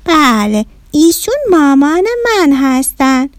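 A woman voicing a young girl who slowly and firmly corrects her guest. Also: high-pitched, expressive, no echo, clean studio sound, voice pushed up. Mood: earnest.

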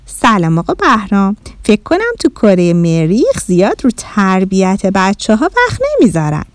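A woman's voice: mid-range voice, wildly swooping pitch, no echo. A woman voicing a kind mother who speaks in a friendly, lightly teasing way. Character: kind mother, gently surprised.

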